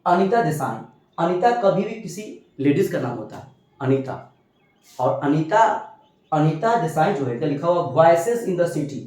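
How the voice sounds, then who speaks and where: Male teacher, slightly high voice, lively quiz-style delivery, heavy room echo. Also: unhurried. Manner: animated, asks and answers his own questions. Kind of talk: exam-prep lesson with memory tricks. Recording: very echoey room.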